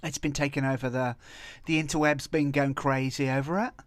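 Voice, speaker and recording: A Welsh man hosts a video reacting to viral clips and tabloid stories, giving casual, rambling, off-the-cuff commentary. His medium-pitched voice moves fairly quickly with fairly even intonation, and there's no room sound.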